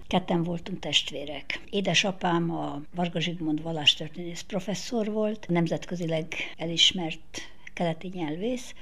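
An older woman interviewed on radio, reminiscing in a measured storytelling manner. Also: fairly low pitch, creaky.

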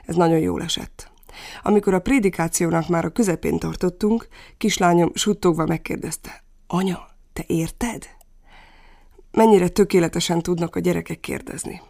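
Low gravelly woman presenting radio. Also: steady tone, warm tone. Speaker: radio program editor and presenter.

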